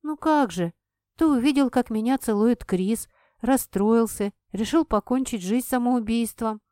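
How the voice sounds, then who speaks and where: A spirited young heroine with a quick, stubborn temper, her voice lifted above the reading tone, played by a woman narrator. She insists and argues in bright, emphatic bursts. The audiobook recording is dry and close. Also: animated, no echo, natural voice. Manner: emphatic, higher and livelier than the narration. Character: impulsive, sharp-tongued young woman heroine. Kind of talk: audiobook character voicing.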